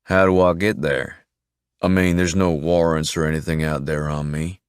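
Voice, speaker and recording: A man voicing a slow, heavy-set rural nephew who talks in a drawling, deferential way. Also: rumbling low, flat delivery, smooth, no room sound, clean studio sound. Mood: meek.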